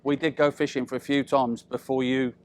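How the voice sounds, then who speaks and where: Chatty and teasing, a middle-aged British father of the bride gives a funny, informal wedding speech marked by deliberate pauses and tag questions. His mid-range voice stays level in tone and is slightly mellow.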